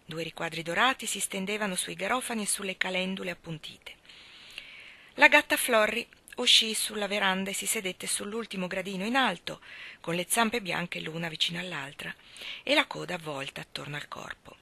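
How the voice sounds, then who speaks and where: A woman narrating a story aloud in a measured, expressive way, often dropping to a near whisper. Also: mid-range voice, vocal fry. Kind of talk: storybook reading.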